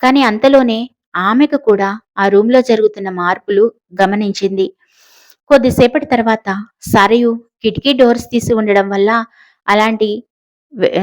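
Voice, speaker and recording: A woman narrating a suspense novel in steady storytelling style. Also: mid-range voice. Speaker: audiobook narrator. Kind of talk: scripted narration.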